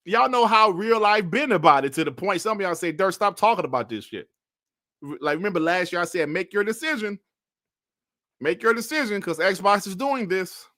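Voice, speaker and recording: A man in his forties with a bright, forceful voice and a slightly raised pitch, talking loosely on a livestream. He laughs often and throws slang into his banter, and the sound is dry with little room echo. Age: 40s. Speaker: streamer reading live chat. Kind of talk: casual livestream chat.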